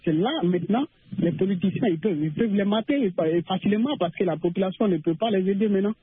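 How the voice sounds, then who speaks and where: A man's voice: high-pitched, quick pace, slightly rough, dry recording. A man with a Senegalese French accent calling in to a radio show over a phone line, earnest and repeating words when stuck.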